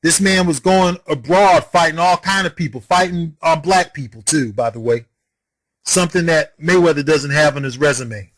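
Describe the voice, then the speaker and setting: Casting: man with a high voice, argumentative and scolding, rapid rhetorical questions, heated rant. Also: rough recording. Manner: swears and scolds the viewer. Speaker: boxing commentator.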